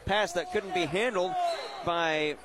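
High-voiced man calling live basketball. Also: slow, very noisy. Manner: clipped phrases, calling each pass and shot. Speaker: play-by-play announcer. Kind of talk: live basketball radio commentary. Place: high school gym, courtside.

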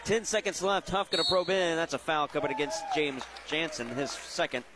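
A man's voice: on the high side, fairly even intonation, moderate pace, over a noisy crowd, heavy background noise. A man doing live radio play-by-play of basketball in clipped phrases, tracking each pass and shot. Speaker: play-by-play announcer. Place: high school gym, courtside.

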